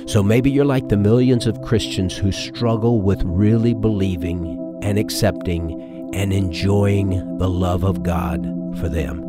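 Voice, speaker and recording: A man's voice: low-pitched, a little slow. A man, a pastor, preaching earnestly on a podcast, asking his listeners questions. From Texas. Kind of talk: podcast sermon. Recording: with background music.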